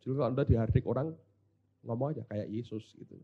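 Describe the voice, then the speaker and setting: A male pastor preaching a sermon. He switches between hushed asides and loud, dramatic exclamations. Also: mid-range voice, quick pace, husky, phone-quality sound.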